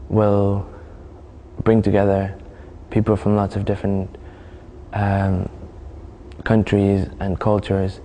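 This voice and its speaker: A man in his twenties from Venezuela, a youth delegate, answering interview questions with hesitant pauses. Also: lowish voice, completely flat delivery, warm tone, a little hiss or hum. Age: 20s.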